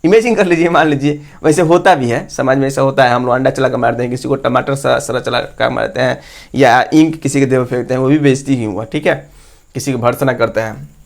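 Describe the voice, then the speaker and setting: A man's voice: mid-range voice, a little fast, creaky. A man teaching an exam-prep lesson, repeatedly asking his listeners questions and answering them himself.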